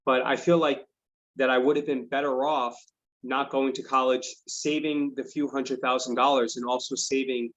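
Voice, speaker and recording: A man's voice: mid-range voice, little pitch movement, normal speed, fairly bright tone. Earnest male investing host, dull lo-fi audio. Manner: earnest, reflective, many "um" and "you know". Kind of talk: casual interview chat.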